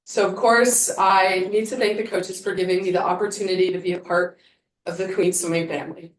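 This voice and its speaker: A woman's voice: on the low side, little pitch movement, a little fast, slight background noise. A woman in her twenties, a swim team captain, giving a heartfelt farewell speech and trying not to cry. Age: 20s. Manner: heartfelt, fighting back tears. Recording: roomy, from a distance.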